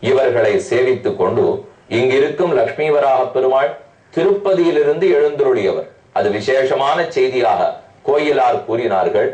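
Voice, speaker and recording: A man giving a devotional discourse who chants scripture verses slowly and then explains them in plain talk. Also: mid-range voice, darkish tone. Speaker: religious discourse speaker. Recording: roomy, from far off the mic.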